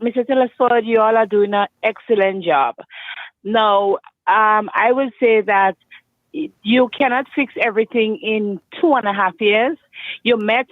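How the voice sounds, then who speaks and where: A woman's voice: fairly high pitch, no echo. Grenadian woman caller, emphatic and repetitive, heard through a tinny, clipped phone line. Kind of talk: call-in radio chat. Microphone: telephone.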